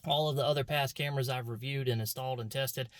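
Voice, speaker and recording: Male product reviewer, mid-pitch, folksy and easygoing, dry close sound. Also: steady tone, fast talker, dry recording. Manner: folksy, conversational, walks through steps. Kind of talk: casual product review demo.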